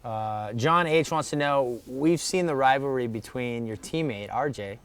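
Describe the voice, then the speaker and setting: A man with a smooth, clear voice hosts a live show and reads out viewer questions. He keeps the talk casual and teases his guest. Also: medium pitch, measured pace, fairly bright tone. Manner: joking, teasing. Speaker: host reading viewer questions.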